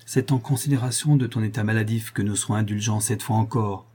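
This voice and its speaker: A man's voice: fairly low pitch, steady tone, fairly quick, warm tone, slightly rough. A man reading a storybook, voicing a stern old professor uncle who speaks in a commanding tone.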